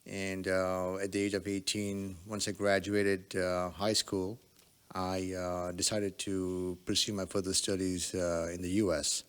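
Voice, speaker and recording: Low, smooth-voiced man with long reverb. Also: little pitch movement, measured pace. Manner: hesitant, many fillers. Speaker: podcast guest, telemedicine entrepreneur. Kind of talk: relaxed conversational storytelling.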